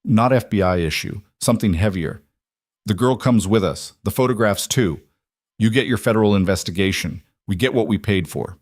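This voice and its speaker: A man's voice: fairly low pitch, normal speed, no echo, studio quality, lightly acted. A man reading as a blunt Russian mercenary. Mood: threatening. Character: menacing male Russian mercenary.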